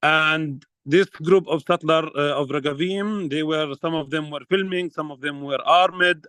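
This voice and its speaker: Earnest man with halting English. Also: fairly high pitch, fairly bright tone, no room sound, rough recording. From Palestine. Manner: earnest, halting with many fillers. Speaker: field researcher speaking at a press conference. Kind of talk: prepared statement at a press conference.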